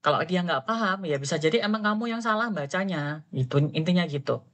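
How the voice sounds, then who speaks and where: A woman's voice: fairly low pitch, animated, a little fast, a bit bright. A woman teaching Korean pronunciation, firmly correcting her students as she drills them. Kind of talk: online Korean lesson in Indonesian.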